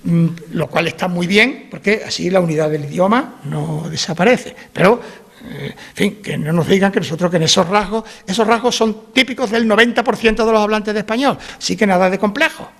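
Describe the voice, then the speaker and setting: A man with an Andalusian accent speaks in a high, gravelly voice. He explains things to an audience at a book presentation, wandering into side points and checking in with a questioning "¿eh?". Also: fairly quick. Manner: digressive, tags remarks with "¿eh?". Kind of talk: explanatory public talk on language.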